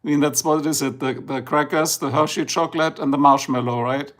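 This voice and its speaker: Filming a tablet slideshow indoors, a livestream host from Germany chats casually in a German accent, rambling and a bit drowsy as he shows photos. He speaks fairly quickly in a slightly high, fairly bright voice with fairly even intonation.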